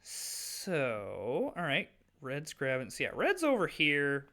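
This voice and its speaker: With huge pitch swings, a fairly high voice, and a slow, bright, forceful delivery, a gaming YouTuber in his thirties narrates an online board game. His Midwestern American accent carries casual, rambling let's-play commentary, heavy on fillers and self-deprecating.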